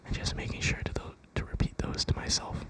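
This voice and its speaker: A young adult whispering a gentle, reassuring pep talk of ASMR affirmations in an unhurried way. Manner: whispering throughout. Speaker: ASMR creator.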